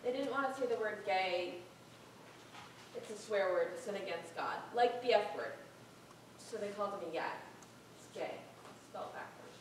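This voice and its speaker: A young woman playing a troubled teenage schoolgirl, speaking in an earnest, halting way in a community stage play. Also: medium pitch, a little hiss or hum, lightly acted. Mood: remorseful. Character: troubled teenage girl student giving a speech. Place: theater stage. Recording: echoey hall from far off.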